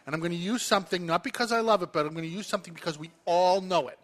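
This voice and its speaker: A man's voice: high-pitched, very fast. A man hosting a casual radio chat show, arguing his point emphatically and teasing his co-host.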